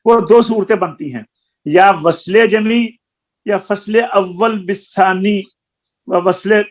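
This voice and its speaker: High-voiced, slow-speaking male recitation teacher. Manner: patient, explaining step by step; demonstrates chanted recitation. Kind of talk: religious recitation lesson.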